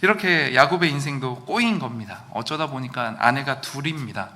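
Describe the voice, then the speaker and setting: A male pastor preaching a sermon in a church, lively, now and then acting out quoted lines loudly. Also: mid-range voice, moderate pace. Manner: animated, acts out quoted lines with sudden loud outbursts. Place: church sanctuary.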